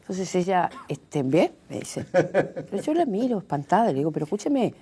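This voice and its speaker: Low, husky Correntino woman. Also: normal speed. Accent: Correntino Argentine Spanish. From Corrientes, Argentina. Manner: animated anecdotes, acts out quoted dialogue. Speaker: singer, interview guest. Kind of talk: conversational interview storytelling.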